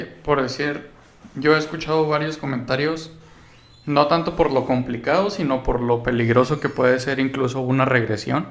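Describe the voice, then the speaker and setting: A man hosting a podcast interview, listening attentively and giving short prompts. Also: mid-range voice. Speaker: podcast host. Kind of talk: casual interview.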